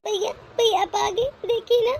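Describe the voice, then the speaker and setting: A woman voicing a grieving mother in a cartoon who speaks softly and tearfully. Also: very high-pitched, fairly even intonation, normal speed, noisy background. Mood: tearful grief. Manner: soft, tearful. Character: grieving sister mourning her son.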